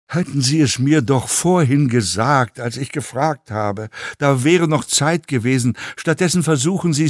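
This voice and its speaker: A man's voice: on the high side, no echo, clean studio sound. A man voicing a sneering, pushy fellow passenger. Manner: needling, sneering, chatty. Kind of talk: audiobook reading.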